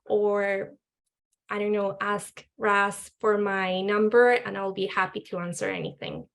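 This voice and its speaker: A woman's voice: mid-range voice, expressive, unhurried, fairly bright tone. A woman speaking as an alumni guest on a video call, chatty, with frequent laughs and fillers. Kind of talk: casual panel talk on video call.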